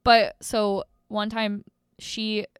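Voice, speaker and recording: A young adult woman in casual chat, reacting with animated exclamations and sharing stories full of "like". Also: medium pitch, drawn-out words, smooth, no room sound, clean studio sound. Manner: chatty, animated reactions, many "like" fillers.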